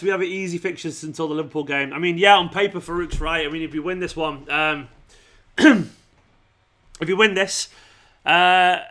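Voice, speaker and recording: During a football watchalong stream, a fan channel host keeps up casual chat with viewers, his voice bright and fairly high but slightly worn as he loses it. He talks in an informal, matey way, dropping "man," "mate" and "pal" often.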